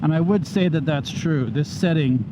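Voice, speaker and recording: A man reviewing gear in a calm, matter-of-fact way as he rides, talking through a motorcycle helmet microphone. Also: a little high, moderate pace. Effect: talking through a motorcycle helmet microphone while riding. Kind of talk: casual review narration while riding. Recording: muffled helmet mic with faint road noise. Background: faint traffic and engine sound.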